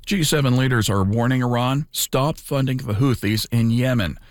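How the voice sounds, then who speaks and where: A man's voice: medium pitch, normal speed, no echo, clean studio sound. A man reading scripted radio news as the anchor.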